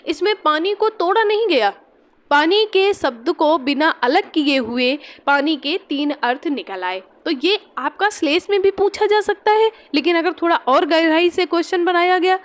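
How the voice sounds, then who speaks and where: High-pitched woman teaching Hindi. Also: lively intonation, moderate pace. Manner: patient, repeats key points and drills examples. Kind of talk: exam-prep lesson.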